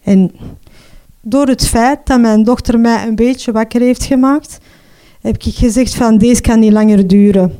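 A middle-aged Flemish woman giving a personal testimony in an earnest, halting way, often ending with a questioning tag. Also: fairly high pitch, fairly even intonation, warm tone, clean tone. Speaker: mother telling her story.

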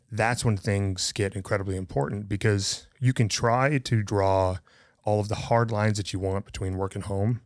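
A man's voice: lowish voice, darkish tone, dry recording, clean studio sound. A man speaking earnestly and emphatically in a casual podcast conversation. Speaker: podcast co-host.

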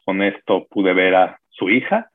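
A man in his sixties with a Mexican accent, a guest calmly telling his life story in an interview. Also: deep voice. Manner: unhurried, reflective storytelling with pauses. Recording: phone-like narrow audio with music.

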